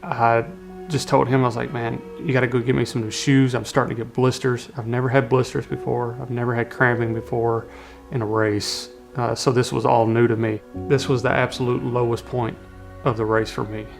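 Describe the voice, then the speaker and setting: A man telling, in a documentary interview, how he struggled through an ultramarathon, earnest and halting with many restarts. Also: medium pitch, flat delivery, creaky, over music. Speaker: ultramarathon runner telling his story.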